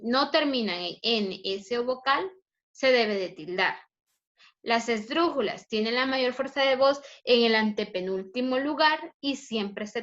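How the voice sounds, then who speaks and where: A woman teacher giving a review lesson, speaking slowly and stretching words out syllable by syllable, asking the class questions and answering them herself. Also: a little high, a bit bright, dull audio. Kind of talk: recorded review lesson over screen slides.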